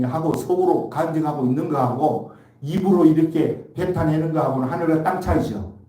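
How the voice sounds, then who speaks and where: A man preaching a Sunday sermon as pastor. He talks in a lively way, acts out the voices he quotes, and keeps asking the congregation questions. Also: a little high. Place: church sanctuary. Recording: echoey hall, mic from far off.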